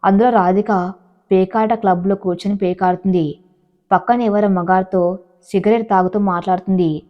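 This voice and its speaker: A woman narrates a dramatic family story as an audiobook, in a steady storytelling voice. Her pitch sits in a middle range. The recording is dull and lo-fi. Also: normal speed.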